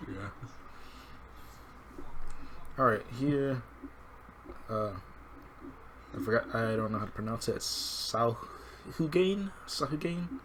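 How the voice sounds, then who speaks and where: A man's voice: fairly low pitch, normal speed, long pauses, fairly bright tone, a little hiss or hum. Rambling young man in casual chat. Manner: rambling, many fillers, looks up pronunciations aloud.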